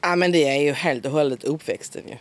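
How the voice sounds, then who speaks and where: A woman with a broad Scanian accent chatting in a relaxed interview, talkative and quick to laugh. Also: low voice. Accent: broad Scanian Swedish. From Skåne, southern Sweden. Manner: chatty, laughs often, lively. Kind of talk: casual conversational interview.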